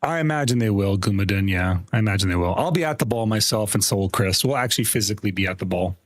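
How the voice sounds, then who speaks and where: A man's voice: on the low side, lively intonation, quick pace. A man hosting a livestream, chatting casually, joking crudely and laughing often. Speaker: livestream host.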